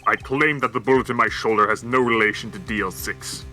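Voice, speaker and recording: Cold, proud older prosecutor in a game read-along, slow and haughty, played by a man; bright edgy voice. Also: mid-range voice, faint music behind. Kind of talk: reading game dialogue aloud.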